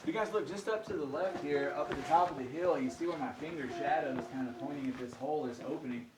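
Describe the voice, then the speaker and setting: A man's voice: fairly high pitch, fast, over a noisy crowd. Echoing cave guide, folksy man heard from afar. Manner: folksy, addresses listeners directly. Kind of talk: informal guided tour talk, explaining. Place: inside a large cave. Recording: echoey cave, distant mic, faint noise.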